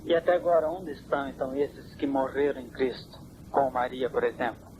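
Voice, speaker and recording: A man's voice: medium pitch, fairly even intonation, fairly quick. A man interviewing a church elder in a courteous, formal manner, heard on a hissy, worn old cassette tape. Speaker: priest interviewer.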